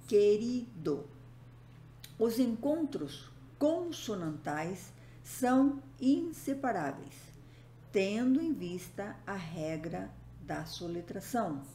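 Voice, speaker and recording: A woman teacher giving a recorded grammar lesson, speaking deliberately and listing example words one by one. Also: medium pitch, mellow. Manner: slow, deliberate, spells out letters and lists examples. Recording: roomy echo, faint background noise.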